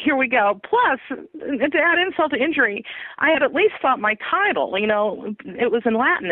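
A woman author telling her story in an animated, laughing way during an interview. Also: on the high side, no echo. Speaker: author guest. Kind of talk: interview over phone. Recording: tinny phone line, dry.

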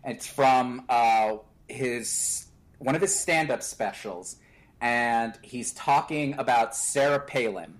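A man's voice: mid-range voice, takes it slowly. A man co-hosting a casual podcast, telling stories and joking. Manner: joking, storytelling. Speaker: podcast co-host.

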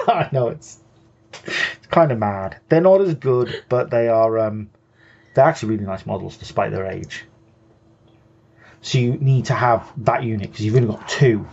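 A man's voice: medium pitch, lively intonation, normal speed, vocal fry, a little mellow, lo-fi sound, a little hiss or hum. Man patiently explaining game rules. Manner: patient, explanatory, with frequent restarts. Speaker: co-host.

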